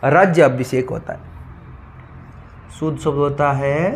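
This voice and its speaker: A man with a somewhat high voice teaches a grammar class. He works through one word after another, asking the class what each word is and then giving the answer. His delivery is steady and methodical, in the manner of a classroom drill. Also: unhurried, slight background noise. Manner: drills word spellings with repeated questions and answers. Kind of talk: Hindi grammar lesson.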